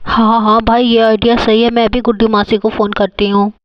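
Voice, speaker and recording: An eager, insistent little girl doll, as a woman puts her on, with a high voice. She urges and pleads, recorded dry and slightly dull. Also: little pitch movement, fairly quick, dry recording, lightly acted. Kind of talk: doll-play storytelling.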